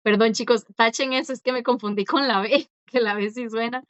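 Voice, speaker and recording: A woman's voice: a little high, steady tone, fairly quick, smooth, no room sound. A woman teaching a class, patiently explaining and repeating, often checking that the students follow along. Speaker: language teacher. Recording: dry, dull lo-fi sound.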